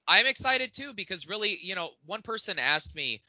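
A man co-hosting a podcast, talking in an excitable, loose and casual way about design workflows. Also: high voice, moderate pace, dry recording. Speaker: podcast co-host. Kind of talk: casual tech chat. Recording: dry close-mic sound.

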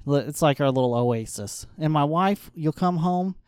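A man as an interview guest, telling lively stories in casual chat, laughing often and acting out what others said. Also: a little high, moderate pace, clean tone, no room sound, clean studio sound. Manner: animated storyteller, laughs often, acts out quotes.

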